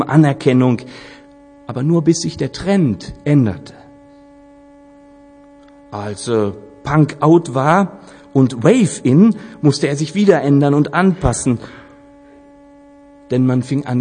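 A man telling a fable in a measured, dramatic way with pauses, recorded with long hall reverb, faint music and mains hum. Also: medium pitch, animated, dark tone, slightly rough. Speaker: storyteller. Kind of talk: slow, expressive storytelling.

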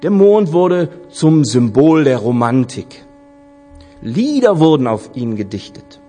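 Slow, expressive male storyteller. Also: fairly high pitch. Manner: measured, dramatic pauses. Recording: long hall reverb, faint music, mains hum.

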